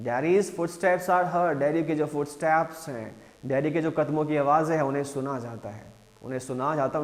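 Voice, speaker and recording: A man teaching a class, reading English lines slowly and then explaining them again and again in Hindi. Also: medium pitch, in a large hall.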